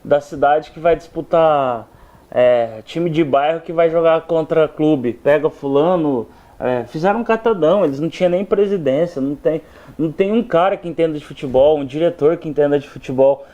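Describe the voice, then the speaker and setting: A man gives blunt football opinions in a studio chat, talking straight at the fans. His voice is a bit high but dark and warm, and the sound is slightly dull and lo-fi. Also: a little fast. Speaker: sports commentator. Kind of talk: casual studio sports chat.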